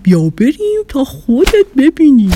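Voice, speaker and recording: A big, proud dinosaur from a children's storybook, as a woman puts him on, booming out slow, loud lines. The voice is dark and mellow and sounds a little distant, with faint hiss behind it. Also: wildly swooping pitch. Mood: boastful. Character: big boastful friendly male dinosaur.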